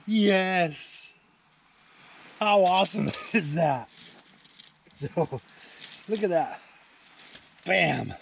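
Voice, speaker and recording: Fishing at night on a beach by a small shelter, a man in his forties speaks to camera with an informal, matey enthusiasm as an angling vlogger. His high, expressive voice is extremely slow, with long pauses. Noisy outdoor sound is clearly audible in the recording.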